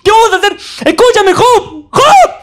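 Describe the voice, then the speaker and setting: A man voicing his frantic middle-aged mother scolding her son in a stand-up show, shrill and pleading. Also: big pitch swings, moderate pace, fairly bright tone, heavily acted. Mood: desperate scolding. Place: theater stage.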